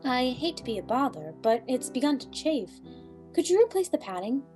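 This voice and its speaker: Woman as an elegant, lilting high-voiced unicorn singer. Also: very animated, moderate pace, soft background music. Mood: polite, hesitant. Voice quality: smooth. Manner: gentle, solicitous. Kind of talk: audio drama acting.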